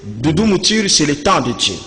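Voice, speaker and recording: A man with a Congolese accent, a religious speaker in a debate, preaching with fiery declaiming that rises to shouts. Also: a little high, very animated, moderate pace. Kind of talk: impassioned preaching in an interview. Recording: echoey reverberant room.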